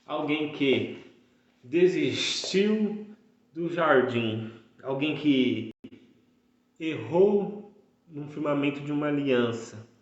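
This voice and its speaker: A man in his thirties preaching a fervent sermon, repeating phrases for emphasis. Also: fairly high pitch. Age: 30s. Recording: echoey room, dull lo-fi sound.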